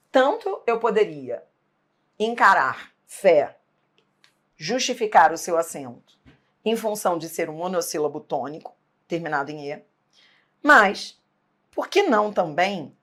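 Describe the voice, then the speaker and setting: A woman's voice: fairly low pitch, fairly bright tone. A woman teaching an exam-prep grammar lesson, emphatic, asking rhetorical questions and checking in often.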